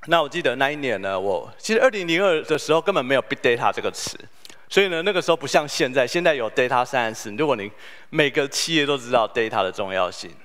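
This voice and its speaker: A man's voice: medium pitch, lively intonation, quick pace, a bit bright. A man, giving a humorous, story-driven conference keynote. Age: 40s. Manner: humorous, storytelling, self-deprecating. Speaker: keynote speaker. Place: conference hall.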